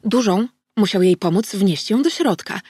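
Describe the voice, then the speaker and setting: A woman voicing a chatty, nosy middle-aged neighbour who talks in a raised, excitable way for an audiobook. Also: medium pitch, normal speed, breathy edge, no room sound, clean studio sound. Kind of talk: audiobook character voice.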